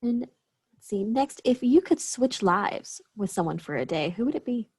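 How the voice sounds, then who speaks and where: Husky, lively woman interviewer, higher-pitched. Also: normal speed. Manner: affirming, brief responses. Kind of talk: scripted interview questions with brief casual reactions.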